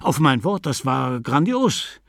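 A man reading an ailing, touchy middle-aged Dublin man in a raised, animated voice. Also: medium pitch, slow, gravelly, no room sound, clean studio sound, exaggerated voice. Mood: reminiscing.

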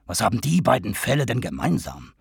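A man's voice: lowish voice, very animated, fairly quick, gravelly, breathy edge, dry recording, clean studio sound, exaggerated voice. A man voicing a hearty, blustering Irish canvasser who swears and talks with emphasis.

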